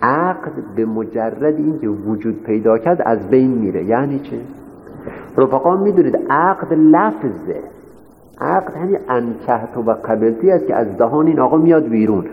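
In an echoey hall, a man with an expressive mid-range voice delivers a seminary lecture, restating points and asking students rhetorical questions. The audio is dull and lo-fi, carrying a faint hiss.

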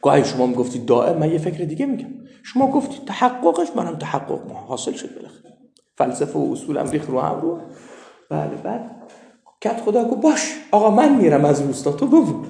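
Brief: male cleric with a raised, lively voice, telling funny stories in a roomy hall. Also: a little high, gravelly. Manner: lively, animated storytelling. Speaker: cleric and seminary teacher. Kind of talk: humorous anecdote in a talk. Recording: echoey room.

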